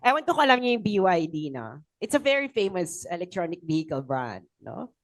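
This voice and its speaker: A woman's voice: lowish voice, big pitch swings, fast, no echo, rough recording. A woman with a Filipino accent giving an informal political lecture, mixing English and Tagalog and mocking the quotes she reads with sarcastic asides. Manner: sarcastic, switches between English and Tagalog, many "no?" tags.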